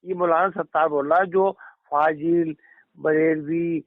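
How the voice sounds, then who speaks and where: A middle-aged man calling in, telling long anecdotes and quoting what others said, with halting restarts. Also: fairly high pitch, fairly even intonation, dry recording. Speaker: caller. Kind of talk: casual phone conversation. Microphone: phone. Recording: dry, tinny phone line.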